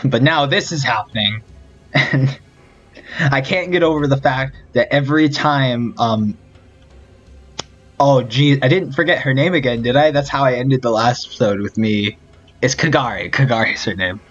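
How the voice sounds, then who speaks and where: A man's voice: mid-range voice, a little slow, a bit bright. A young man hosting a let's play of a visual novel, rambling, giggling and correcting himself as he reads. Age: young adult. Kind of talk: casual game commentary. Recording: dull lo-fi audio with faint music.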